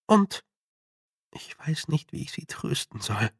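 A man's voice: on the high side, sing-song, slow, breathy edge, no echo, clean studio sound, full character voice. A man voicing an earnest, stubborn young girl learning witchcraft, who asks firm, direct questions. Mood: determined.

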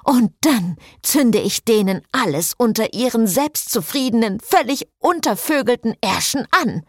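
A woman voicing a hot-tempered young woman who curses loudly, reading an audiobook. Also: medium pitch, expressive, moderate pace, slightly rough, no echo, clean studio sound, voice pushed up. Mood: furious. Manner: angry, loud, cursing.

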